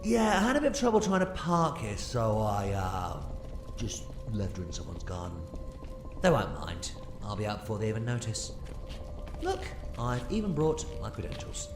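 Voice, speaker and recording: A man's voice: lowish voice, big pitch swings, moderate pace. A man playing an eccentric, scatterbrained alien time traveller in an audio drama, rambling and hesitating theatrically. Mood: flustered, chirpy. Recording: roomy sound with music behind.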